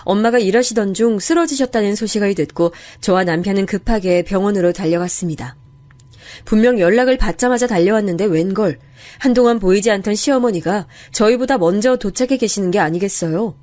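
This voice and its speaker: A woman narrating a dramatic family story in the first person, in a soft, steady storytelling voice. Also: medium pitch, a little fast.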